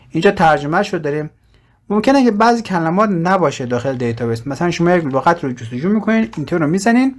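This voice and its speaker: A man with a Persian accent giving a screen-recorded walkthrough of his website, explaining step by step with fillers and pauses. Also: on the high side, darkish tone. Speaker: website presenter.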